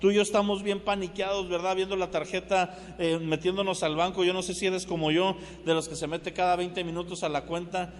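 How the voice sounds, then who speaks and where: A man delivers a sermon in a conversational, storytelling way, often checking in with his listeners. His voice sits high for a man. The sound carries a long reverb, as from a large church hall. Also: little pitch movement, fairly quick, few pauses. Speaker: pastor.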